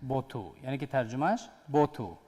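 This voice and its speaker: A man's voice: medium pitch, lively intonation, dark tone, husky. A man hosting a TV English lesson, patiently explaining grammar step by step. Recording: long hall reverb.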